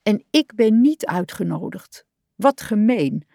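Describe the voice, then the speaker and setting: A woman's voice: medium pitch, lively intonation, slow pace, vocal fry, warm tone, dry recording, studio quality. Woman voicing a curious little frog. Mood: glum. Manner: eager, wondering questions. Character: small male frog, curious and easily upset.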